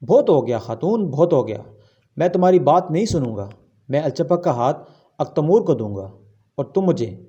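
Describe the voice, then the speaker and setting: An angry older chieftain overrules his wife in a drama recap, read by a man. The voice is dark and mellow, with a lively pitch. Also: lo-fi sound.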